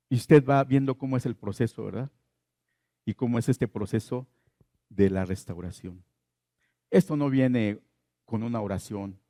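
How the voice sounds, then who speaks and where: A man's voice: medium pitch, dark tone, no room sound, clean studio sound. A man preaching a sermon as pastor, asking the congregation questions and repeating his key phrases.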